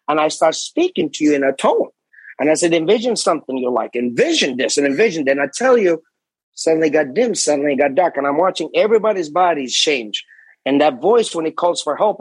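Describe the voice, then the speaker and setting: A middle-aged man who teaches martial arts is a guest in an interview, telling stories intensely and emphatically and acting out his own commands as he goes. His voice sits on the high side and sounds husky. The recording is rough, with no room sound.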